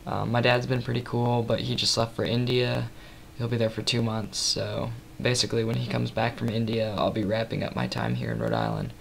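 A worn-out young man in his twenties talks a little fast and with few pauses into a close-up built-in webcam mic, filming a casual update in a small room late at night. Heavy vocal fry and a touch of tired rasp mark his soft, rambling, um-filled delivery. Faint hiss lies beneath it.

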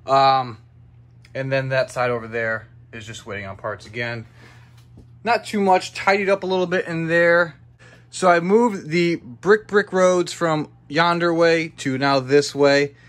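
Holding a phone indoors, a young YouTuber films his tabletop city built from toy bricks, thinking aloud in a casual, chatty walkthrough vlog. His voice is fairly high and steady, and he speaks a little slowly.

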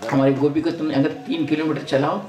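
A man's voice: on the high side, little pitch movement, brisk, distant mic, music in the background, crowd noise. An older man, a spiritual guru, giving a folksy, rambling sermon full of anecdotes at a retreat gathering. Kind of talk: informal sermon to a retreat audience. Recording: echoey hall, voice from off mic.

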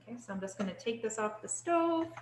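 A young woman teaching a cooking class in a kitchen, relaxed and chatty, checking in with "okay?" as she goes. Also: fairly high pitch, fast, a little hiss or hum. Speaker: cooking instructor. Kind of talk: live online cooking class.

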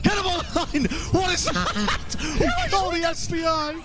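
A man giving animated esports caster commentary in an incredulous, exclamatory way. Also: very high voice, slow. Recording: loud music behind.

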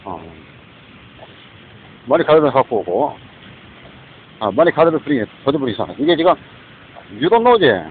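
A man's voice: medium pitch, very animated, measured pace, pauses often. Rambling man on a tinny line. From South Korea. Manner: disjointed, repetitive ranting. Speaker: vlogger. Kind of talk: rambling spoken monologue. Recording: tinny phone-like recording with faint noise.

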